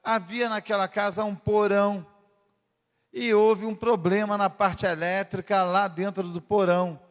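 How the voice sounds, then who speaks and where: Fervent pastor with a high voice, sermon in a church with long reverb. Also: male voice. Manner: fervent preaching with dramatic pauses. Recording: echoey church hall.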